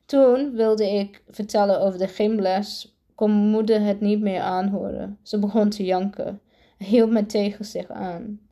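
A woman's voice: mid-range voice, fairly even intonation, unhurried, dark tone. A woman reading a first-person storybook aloud, with frequent stumbles and self-corrections. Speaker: reader.

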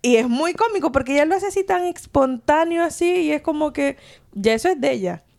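A woman's voice: high-pitched, expressive, brisk, vocal fry, a little mellow. A woman with a Venezuelan accent, co-hosting a podcast in casual chat, playful and teasing. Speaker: podcast co-host.

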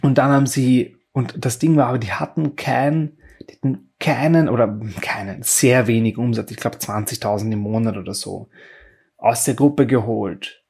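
Husky-voiced man hosting a solo podcast. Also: mid-range voice, moderate pace, a little mellow. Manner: explains step by step with rhetorical questions; casual, often restarts sentences. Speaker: podcast host.

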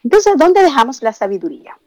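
Her voice is high, very animated and a little mellow as this Dominican woman co-hosts radio, offering earnest, halting reflections peppered with "eh." There's no echo.

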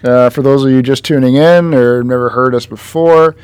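A man's voice: mid-range voice, steady tone, moderate pace, a little mellow, clear, resonant tone, dry recording. A man hosting a podcast in loose, joking casual chat, swearing now and then. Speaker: podcast host.

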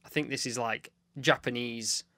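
A man's voice: mid-range voice, steady tone, moderate pace, pushed and bright, dry recording. Sweary young man. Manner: crude, sweary, dry banter. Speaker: podcast co-host. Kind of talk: casual chat.

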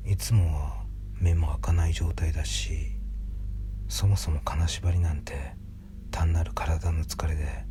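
Low, hushed whispering man telling ghost stories. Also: fairly even intonation, measured pace. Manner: soft, breathy whispering, conversational delivery. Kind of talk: hushed whispered creepy ghost story reading. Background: background music.

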